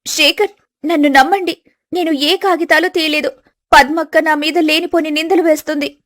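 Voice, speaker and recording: A woman's voice: high-pitched, steady tone, normal speed, fairly bright tone, voice pushed up. A woman voicing an innocent, pleading young daughter-in-law in a storybook tale. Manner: pleading, earnest.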